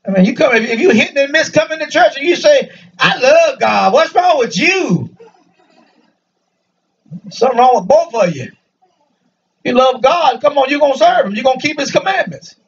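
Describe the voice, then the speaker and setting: A man preaching a lively sermon to a congregation in a church, joking and calling out for answers. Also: very high voice, moderate pace, long pauses. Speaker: pastor. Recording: dull, distant church recording.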